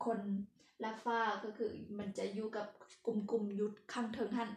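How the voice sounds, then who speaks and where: A woman's voice: medium pitch, level tone, moderate pace, dark tone, reverberant. A woman with a Lao accent teaching a casual language lesson, chatty and laughing at her own slips.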